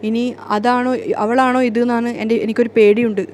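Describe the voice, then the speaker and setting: A woman voicing a jealous, sharp-tongued young wife in a retold story, with quick, indignant retorts. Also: fairly high pitch, level tone, a little hiss or hum, close to an everyday voice.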